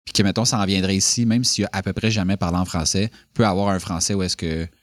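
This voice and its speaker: Rambling Quebec French man, low voice. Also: steady tone, fast, dry recording. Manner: rambling, full of fillers and restarts. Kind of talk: casual conversation.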